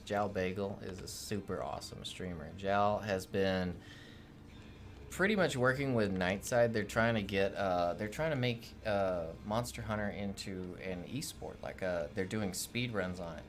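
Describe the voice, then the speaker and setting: Guy co-hosting a game stream, casual chat, says hi to everyone in chat, keeps tripping on names. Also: fairly low pitch. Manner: upbeat, greets chat by name, stumbles on names. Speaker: streamer co-host.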